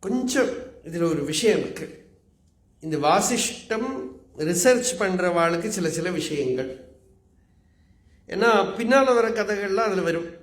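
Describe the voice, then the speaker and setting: A man giving a religious discourse as a spiritual teacher, chanting verses slowly and then explaining them in plain, measured talk. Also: high voice, lively intonation. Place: large auditorium. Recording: echoey hall recording.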